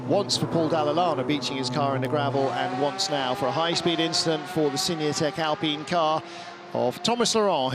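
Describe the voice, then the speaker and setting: A man giving live motorsport commentary as the lead commentator. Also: a little high. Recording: very loud car and outdoor noise. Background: race cars.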